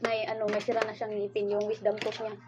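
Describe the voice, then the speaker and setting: A woman's voice: medium pitch, monotone, fast talker, highs cut off. A woman with a Cebuano accent, chatting casually to viewers in a family mealtime vlog and explaining things as she goes. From Philippines. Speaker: family vlogger, mother. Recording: loud background noise.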